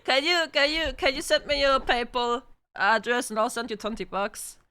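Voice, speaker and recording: A woman streamer chats casually with her live viewers in a high, bright voice that stays clean and smooth. She takes her time and keeps the tone bubbly and talkative, breaking now and then into loud calls. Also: steady tone, normal speed. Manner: bubbly, chatty with viewers, bursts of shouting and laughing.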